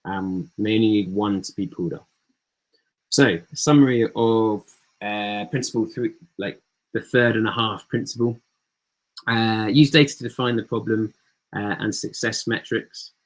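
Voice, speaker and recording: A man with a fairly low voice walks through his slides on a video call. He talks in a relaxed way and leans on ums and uhs between points. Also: normal speed, low-quality recording. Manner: relaxed, filler-heavy delivery. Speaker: startup founder giving a talk. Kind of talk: presentation with slides.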